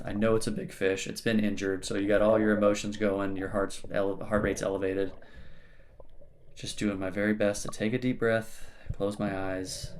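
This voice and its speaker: A fairly low-pitched man narrates his own spearfishing footage as a casual voice-over. He stays plain-spoken and matter-of-fact, walking the viewer through each step. A faint hiss of noise sits under his voice. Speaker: spearfishing channel host.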